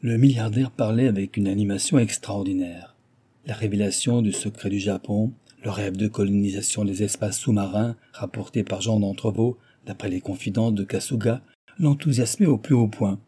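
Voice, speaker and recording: A man narrating an audiobook in a measured, even reading. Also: on the low side, husky. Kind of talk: scripted narration.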